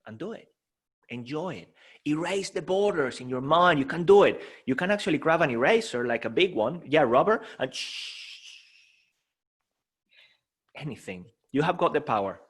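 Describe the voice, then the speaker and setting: A man's voice: fairly high pitch, expressive, fairly quick, husky. A middle-aged man from the UK, an NLP coach giving an upbeat, playful, encouraging talk to language learners.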